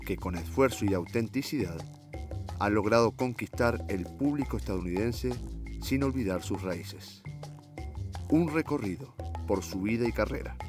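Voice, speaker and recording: A man's voice: lowish voice, animated, normal speed. A man giving scripted, solemn documentary narration. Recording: clear music bed under voice.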